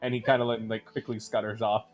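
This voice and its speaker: A man's voice: on the low side, flat delivery, quick pace, faint music behind. A man narrating as game master, loose and easygoing, with lots of fillers.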